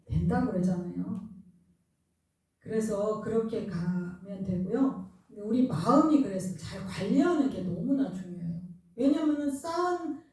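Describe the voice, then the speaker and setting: A woman's voice: medium pitch, expressive, measured pace, warm tone. A woman pastor giving an earnest, conversational sermon and asking the congregation questions. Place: church sanctuary. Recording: very echoey church hall, distant mic.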